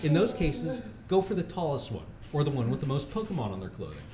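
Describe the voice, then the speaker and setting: A man with a fairly high, sing-song voice reads a humor article fast over a noisy crowd, adopting a mock-serious, instructional tone and often laughing. He's reading at a charity livestream in an echoey room with faint background noise.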